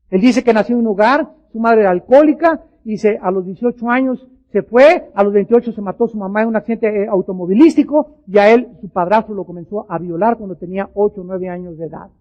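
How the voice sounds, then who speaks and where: A woman's voice: medium pitch, fairly quick, few pauses, darkish tone. A woman preaching a sermon, emphatic and repeating words for stress. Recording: dull lo-fi archive recording.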